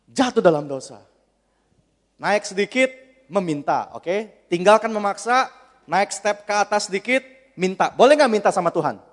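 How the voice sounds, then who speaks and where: A man preaching a sermon, animated, acting out a whining child and a patient father. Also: high-pitched. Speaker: pastor. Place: large church hall. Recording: long hall reverb.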